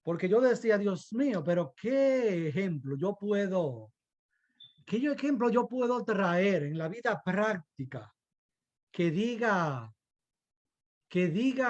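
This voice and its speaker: A man's voice: high voice, muffled recording. A man preaching a sermon, fervent and given to rhetorical asides, sometimes stumbling and restarting mid-phrase.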